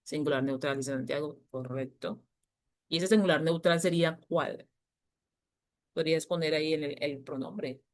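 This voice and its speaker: Lady english teacher walking a class thru grammar, lowish voice, repeats stuff patiently. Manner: patient, repeats key points, slows for emphasis. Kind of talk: online class explanation.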